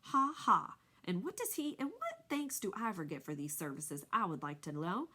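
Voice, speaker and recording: A woman's voice: mid-range voice, sing-song, moderate pace, bright, forceful tone. Lazy, sarcastic male rat played by a woman, sneering and whiny, storybook. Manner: sneering and mocking. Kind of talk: storybook read-aloud.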